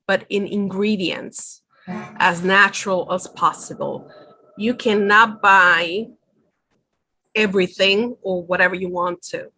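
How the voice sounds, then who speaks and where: A middle-aged makeup artist from Switzerland, earnestly explaining things step by step in a webinar over a video call. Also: female voice, medium pitch, bright, forceful tone. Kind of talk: webinar talk.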